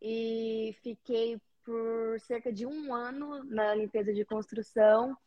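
On a lo-fi video call, a woman from Paraná, Brazil, who works as a house cleaner, takes things slowly as a casual interview guest. Her voice sits on the high side with a level tone, and she sounds friendly, a little nervous, and filler-heavy.

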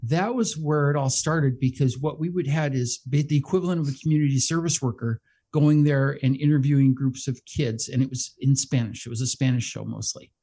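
Middle-aged guy chatting on a podcast, warm low-key tone, laughs a lot, lots of restarts. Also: fairly quick, hardly any pauses, slightly rough. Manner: animated, self-deprecating, laughs often, restarts. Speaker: radio show host and behavioral health manager, guest. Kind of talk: casual interview chat.

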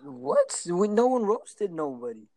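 A man's voice: high-pitched, very animated, measured pace, gravelly. A man co-hosting a casual podcast over a call, arguing and joking, at times putting on broken English. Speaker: podcast co-host. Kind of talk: casual chat. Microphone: remote call mic. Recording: loud noisy call mic.

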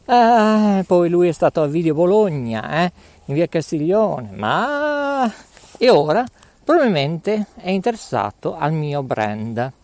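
A man's voice: fairly high pitch, very animated, slow pace, a little mellow, no echo. A middle-aged man hosting a live mobile radio broadcast while walking outdoors through city streets, slightly out of breath. He rambles and jokes, tagging his lines with a questioning "eh?". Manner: rambling, jokey, tags lines with "eh?". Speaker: web radio host.

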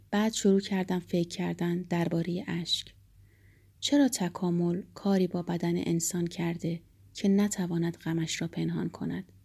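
A woman reading a first-person audiobook narration in a steady, reflective manner. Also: fairly low pitch, vocal fry, breathy edge.

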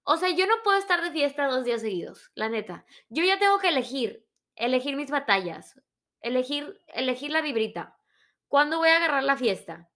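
A woman around thirty with a Mexican Spanish accent, telling stories in a casual, animated, self-mocking monologue. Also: high voice. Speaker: vlogger.

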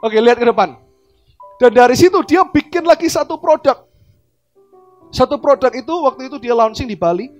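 A middle-aged man, a pastor preaching a sermon and acting out quoted dialogue in lively swings of voice. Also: moderate pace, pauses often, soft background music. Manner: animated, acts out quoted dialogue with big pitch swings.

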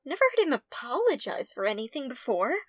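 A woman playing a gentle, loyal young schoolgirl in a period audio drama, earnest and prim. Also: a little high, big pitch swings, fairly quick, no echo. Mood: earnest, pleading.

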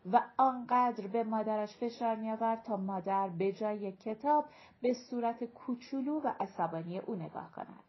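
A woman narrating a storybook in a steady, even literary reading. Her voice sits a little on the high side, and the recording sounds slightly dull and lo-fi. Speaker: audiobook narrator.

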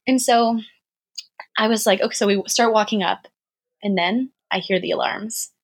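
A woman telling a story in casual chat, animated and laughing often, with many fillers. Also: mid-range voice, normal speed.

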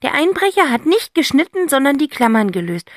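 A woman voicing an excited, sharp-witted girl detective in a children's audiobook. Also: high-pitched, brisk, dry recording, clean studio sound, pitched above the performer's own voice.

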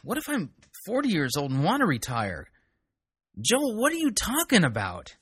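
A man's voice: high-pitched, huge pitch swings, moderate pace, a bit bright, slightly rough, no echo, clean studio sound. A man hosting a talk show, critiquing a recorded sermon in a mocking, exasperated tone. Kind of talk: sarcastic commentary.

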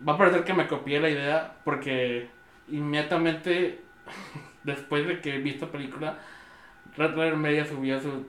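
A man's voice: a little high, steady tone, normal speed, fairly bright tone. A man, chatting as a podcast co-host, hesitant, with many fillers and false starts. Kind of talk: casual chat. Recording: echoey room.

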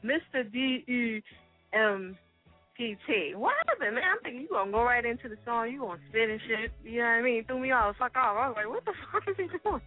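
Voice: medium pitch, animated, brisk, faint music behind. An internet radio host talking loosely and profanely in slang, taking calls on a phone line. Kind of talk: casual call-in radio talk.

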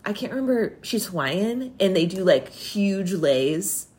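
Animated young woman telling stories. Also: mid-range voice, measured pace. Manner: chatty storytelling, laughing often. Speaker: podcast co-host. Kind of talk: casual chat.

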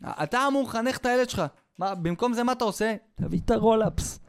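Brief: male podcast host, high and smooth, scornful comic ranting. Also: fairly bright tone. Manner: sarcastic, scornful. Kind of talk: comedic rant.

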